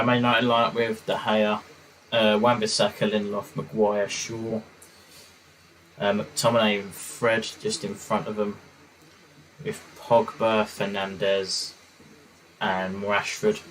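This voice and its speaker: A man's voice: fairly low pitch, flat delivery, slow pace, long pauses, a bit bright, slight background noise, low-quality recording. A young man chatting casually on a football watchalong live stream, hesitant and full of fillers. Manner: rambling, hesitant, lots of fillers.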